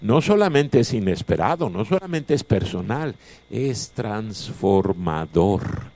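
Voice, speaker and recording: A man's voice: medium pitch, sing-song, normal speed, a little mellow. A male pastor preaching a chapel sermon, emphatic and repeating his key phrases. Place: chapel of a Bible college.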